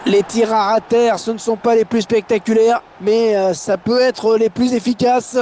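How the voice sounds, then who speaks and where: A man commentating on a football match in an excited play-by-play style, his voice rising at chances and goals. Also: on the high side, normal speed, slight background noise, lightly acted. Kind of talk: excited goal-call sports commentary.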